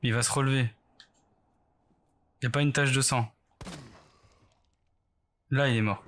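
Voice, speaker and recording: Man, medium pitch, horror game streamer, casual let's play commentary, anxious, self-deprecating, rambling. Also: steady tone, unhurried, a bit bright, a little hiss or hum. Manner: nervous, self-mocking, rambling to himself. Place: bedroom at home, indoors.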